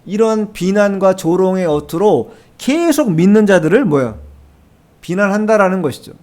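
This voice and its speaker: A man's voice: high-pitched, lively intonation, normal speed, a little mellow. A male pastor preaching a Sunday sermon in church, emphatic, posing rhetorical questions to the congregation and repeating key phrases. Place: church sanctuary.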